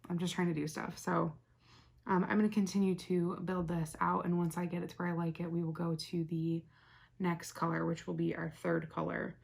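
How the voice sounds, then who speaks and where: A young woman hosting a casual, chatty makeup tutorial, rambling softly as she works and often dropping to a near whisper. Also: lowish voice, level tone, normal speed, gravelly, slightly rough. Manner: rambling, soft-spoken, talks while working, often drops to near whisper.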